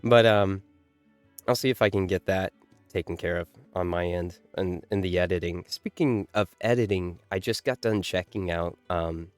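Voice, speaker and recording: Man, deep voice, smooth, tired and freshly woken, rambling laid-back chat, dry close sound. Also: normal speed, no echo, faint music behind. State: tired, just woke up. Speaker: VTuber gaming commentator. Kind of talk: casual chat to viewers. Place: at home.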